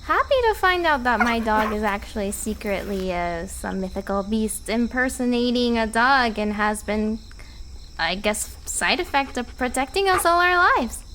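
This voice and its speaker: In a fiction podcast audio drama, a woman plays a nervous, wry human visitor on a park tour, rambling and hesitant. Her voice is a little high, a bit bright, and expressive, at a moderate pace, with slight background noise.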